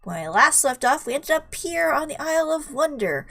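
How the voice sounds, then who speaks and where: A woman with a high, gravelly, sharp-toned voice and big pitch swings chats casually at normal speed while playing through a video game. Her let's play commentary playfully talks back to the game, with video game music behind her.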